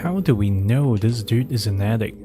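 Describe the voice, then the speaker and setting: With game music in the background, a streamer whose first language is Cantonese chats casually through a horror game, reading documents aloud, skipping ahead with asides and answering viewers. His voice is lowish and expressive, at a normal speed.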